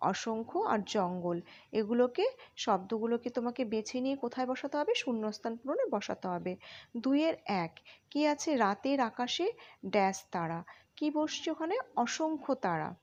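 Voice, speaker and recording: A patient woman teacher from West Bengal, India, walks young pupils through a worksheet. She keeps asking questions and then answers them herself, in a fairly high voice. The recording sounds dull and lo-fi. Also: a little mellow.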